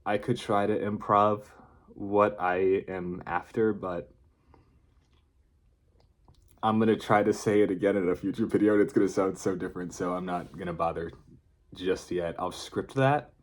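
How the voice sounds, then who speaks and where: Man, deep voice, casual vlog talk, off the cuff, hesitant, meandering delivery. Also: steady tone, moderate pace. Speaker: vlogger. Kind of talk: casual unscripted video diary.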